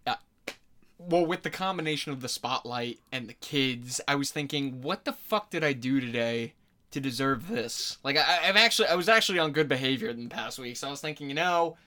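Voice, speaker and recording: A man's voice: medium pitch, animated, a little fast, pushed and bright. A man in his mid-twenties co-hosting a podcast, telling a long rambling story, swearing freely and acting out what people said. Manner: rambling storyteller, profane, acts out quotes. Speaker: podcast co-host. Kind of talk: casual chat.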